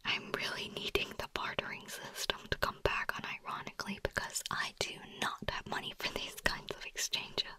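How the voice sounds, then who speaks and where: A woman's voice: moderate pace, few pauses. A woman whispering as a nervous broke young woman. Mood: nervous, pleading. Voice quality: breathy whisper. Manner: soft, confiding, pleading. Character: anxious broke young woman, pleading, self-deprecating. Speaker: ASMR roleplay performer. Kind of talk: whispered ASMR roleplay.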